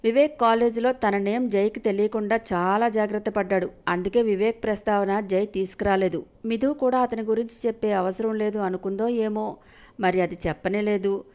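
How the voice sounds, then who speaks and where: A woman's voice: mid-range voice, steady tone, normal speed, a little mellow. A woman narrating a family drama audio story with dramatic storytelling.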